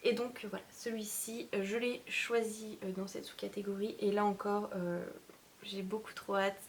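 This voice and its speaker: A woman vlogger chatting about books in a casual, unscripted way. She hesitates a lot, fills her pauses with sounds, and teases herself lightly. Her voice sits at a medium pitch, with a faint hiss behind it. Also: flat delivery. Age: adult mother of young children. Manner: hesitant, frequent filler sounds, self-mocking. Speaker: book vlogger. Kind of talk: casual chat about a reading list.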